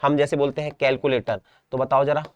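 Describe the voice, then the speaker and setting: A man's voice: mid-range voice, flat delivery, a little fast, clear, resonant tone, dry recording, lo-fi sound. A young man from India with a Rajasthan Hindi accent, teaching an exam-prep class, repeating words and checking understanding. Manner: repetitive, drills each word, checks understanding.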